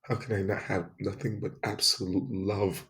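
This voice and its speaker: A man delivering an intense, emphatic spoken monologue, repeating phrases and swinging between loud outbursts and soft asides. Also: on the low side, flat delivery, normal speed, slight background noise.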